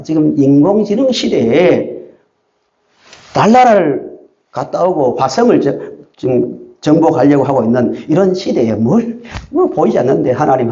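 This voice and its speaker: Preacher doing a sneering skeptic man, pitch jumping high, taunting; dull recording. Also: mellow. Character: scoffing modern male skeptic, mocking. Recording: dull lo-fi sound.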